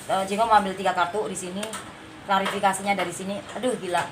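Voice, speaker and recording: A woman's voice: medium pitch, steady tone, fast talker, a little hiss or hum. A woman doing a casual spiritual card reading, chatty and coaxing, sometimes with a scolding tone. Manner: chatty, coaxing, refers to herself by name; scolding tone at times. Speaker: card reader.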